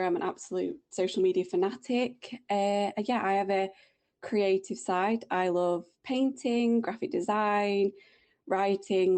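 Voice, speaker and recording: A woman's voice: medium pitch, warm tone. A woman in her twenties with a Yorkshire accent, co-hosting a casual podcast chat, bubbly and enthusiastic. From Yorkshire, England. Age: 20s. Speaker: podcast co-host.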